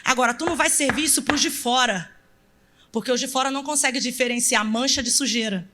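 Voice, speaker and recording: Woman preacher, Brazilian accent, high voice, bright tone, animated storytelling sermon, sudden shouts. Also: a little fast, slight background noise. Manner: animated storytelling, acting out family members, bursts of shouted emphasis. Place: church sanctuary.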